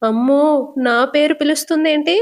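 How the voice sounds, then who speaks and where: A woman's voice: sits high, normal speed. A woman voicing a frightened older mother-in-law who stammers in fear. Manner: scared, stammering.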